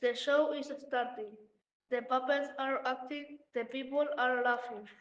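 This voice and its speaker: Slow high woman telling a children's story. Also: steady tone, slight background noise. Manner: simple, clear and deliberate. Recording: echoey muffled room.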